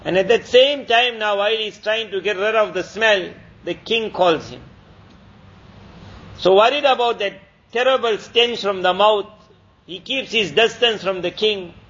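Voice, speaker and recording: A man's voice: high voice, a little slow, fairly bright tone. A male preacher telling a story in a sermon and drawing moral lessons with repeated, emphatic phrases, in a slightly muffled recording.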